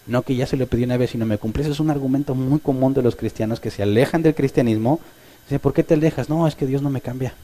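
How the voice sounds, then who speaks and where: A man preaching from the pulpit, his voice dark and mellow. He is animated and often slips into the voices of the people he quotes. His pitch sits in the ordinary middle range. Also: quick pace. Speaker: pastor. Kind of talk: sermon.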